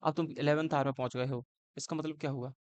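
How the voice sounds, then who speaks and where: A man teaching an exam-prep lesson on idioms. He quizzes himself with questions, mixes Hindi and English, and slows down to spell out each phrase. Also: medium pitch, steady tone, a little mellow, no echo. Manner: explains with repeated questions and answers; calls students bhaiya.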